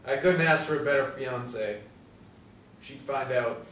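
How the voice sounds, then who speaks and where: A man's voice: mid-range voice, measured pace, a bit bright, natural voice. A young man in his twenties playing a fussy, petty ice cream seller who speaks in a pedantic, awkward way. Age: 20s. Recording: roomy, distant from the mic, faint noise.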